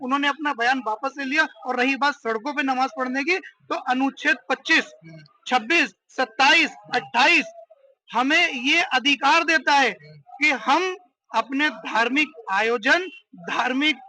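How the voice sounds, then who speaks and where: A man interviewed outside a mosque, speaking forcefully and indignantly in a street interview. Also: very high voice, unhurried, a little hiss or hum. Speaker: worshipper interviewed.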